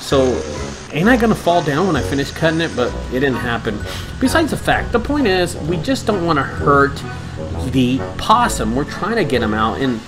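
A man tells the story of his working day in a voice-over that rises and falls a lot. He jokes as he goes, and loud music plays under him. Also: fairly high pitch, moderate pace. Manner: animated, storytelling with laughs. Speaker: junk removal business owner. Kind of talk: vlog voice-over narration.

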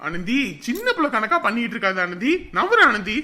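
A man's voice: sits high, big pitch swings, fairly quick, pushed and bright, full character voice. An actor playing a young man who patiently explains why he turns down a marriage, speaking earnestly in a web drama. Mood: brushing off. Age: young adult. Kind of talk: Tamil web drama acting.

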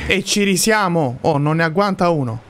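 A man's voice: on the high side, lively intonation, normal speed, noisy background. A man giving casual, colloquial gameplay commentary, talking to himself and swearing freely. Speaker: gaming let's-player. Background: game music.

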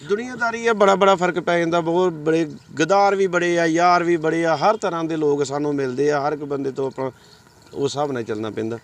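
A man's voice: a little high, fairly quick. A young man, a singer, answering interview questions casually and modestly, leaning on filler phrases. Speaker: singer and actor, interview guest.

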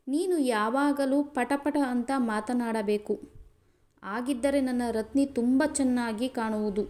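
A stern but doting young husband who scolds gruffly and then pleads softly, as a woman narrator reads him. The voice stays fairly high. It is told in a storybook style. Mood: pleading.

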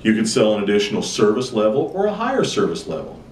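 An emphatic male sales trainer speaks with a lively, swinging pitch, like a coach pitching an idea. He sounds a little off-mic in an echoey room, with a faint low rumble behind him. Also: fast talker, far from the mic. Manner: emphatic, upbeat presenter who acts out customer chats. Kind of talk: direct-to-camera sales tip video.

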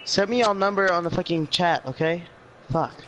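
A man in casual voice chat during a game, loud, crude and swearing a lot. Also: high voice, moderate pace, dull audio, a little hiss or hum. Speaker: friend in voice chat.

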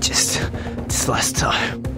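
A woman's voice: extremely slow, in a whisper, loud music behind the voice. A woman voicing a battered young man who is desperate to protect his friends. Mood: pained.

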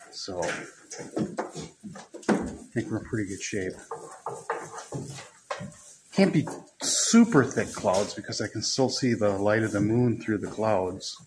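Holding his phone camera in an indoor goat pen, a vlogger who farms goats talks in a slow, casual, wandering way. He occasionally switches to high-pitched baby talk aimed at his goats, and the recording is noisy with barn sounds.

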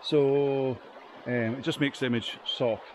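A man's voice: medium pitch, fairly even intonation, unhurried, background noise. A man, chatting casually to camera in the woods, rambling with lots of ums. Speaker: photography vlogger. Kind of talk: casual vlog chat. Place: outdoors in woodland by a stream.

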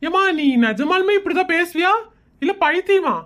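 A fed-up cartoon doctor, voiced by a woman, pitched very high and sounding sarcastic and short-tempered with a pushy visitor. The tone stays in a light comedy cartoon register. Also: moderate pace, fairly bright tone. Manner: sarcastic, irritated.

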